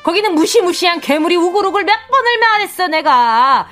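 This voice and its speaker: A menacing, possessive witch mother in a comic fairy-tale audio play. She commands and scolds theatrically in a very high voice that swoops from threat to gloating. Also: expressive, a little fast, a bit bright, faint music behind. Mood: stern, bossy.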